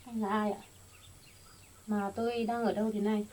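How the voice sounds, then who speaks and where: A woman playing a young woman rescued from drowning, speaking politely in a subdued, flat way. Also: medium pitch, normal speed, lightly acted. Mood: dazed, polite.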